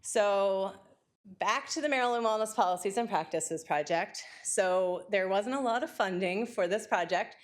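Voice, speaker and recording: A woman giving an academic lecture, talking quickly and excitedly with frequent fillers and restarts. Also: medium pitch.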